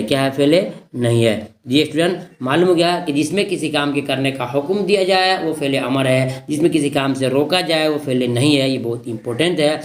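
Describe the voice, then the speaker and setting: A man with a Bihari Hindi accent teaches an exam-prep grammar lesson. His voice sits a little high, and he goes over each point more than once, quizzing his students as he goes. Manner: repetitive, quizzing students with questions.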